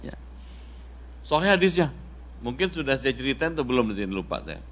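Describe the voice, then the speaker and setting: A middle-aged man from Indonesia preaching a casual sermon in a mosque, telling a story with lively quoted voices. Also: mid-range voice, fairly quick.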